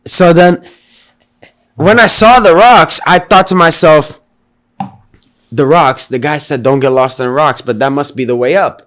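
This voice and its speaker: A man's voice: fairly high pitch, measured pace, pauses often, a bit bright. A man in a casual chat, recounting a hike in slangy, filler-heavy speech. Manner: slangy, filler-heavy, says "bro" and "you know". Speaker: hiker recounting a climb.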